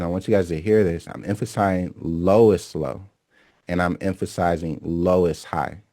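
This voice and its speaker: A man with a very low voice teaching a lesson on trading charts. He leans on key phrases and repeats them, checking in with his students as he goes. The recording is dry and close, with no room sound. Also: darkish tone, dry recording. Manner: emphatic, repeats key phrases, many "okay?" and "right?" check-ins. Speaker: trading instructor.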